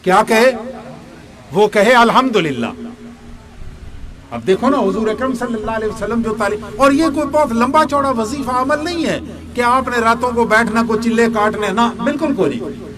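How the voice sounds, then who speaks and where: Man, preaching, high voice, question-and-answer teaching, crowd behind. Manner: teaching, asks the listeners questions and answers them. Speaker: religious preacher. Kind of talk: sermon to a gathering.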